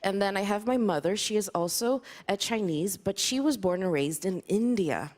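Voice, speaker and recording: A woman's voice: mid-range voice, animated, moderate pace, a little mellow. A woman from Sweden performing a stand-up comedy set on a live stage, with a dry, self-deprecating delivery full of small hesitations. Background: faint audience laughter and applause.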